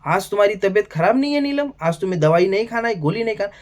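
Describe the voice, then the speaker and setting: A man giving a casual video review of a TV show, excitable and calling the listener "brother" again and again. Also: high-pitched, quick pace. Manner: excitable, addresses listener as "bhai" constantly.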